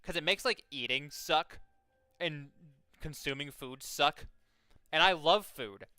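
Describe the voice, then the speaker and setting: A man's voice: fairly high pitch, takes it slowly, sharp tone, clean tone, no echo. A young man streaming a game, chatting casually and reading game text aloud, rambling with many fillers and restarts and swearing freely.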